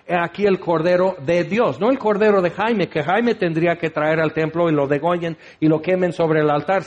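A man preaching a sermon, teaching with rhetorical questions and acting out the voices he quotes. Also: sits high.

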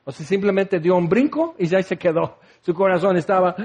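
A man's voice: high voice, brisk, a little mellow. A man preaching a sermon with passion, putting direct questions to his listeners and acting out the words of biblical figures.

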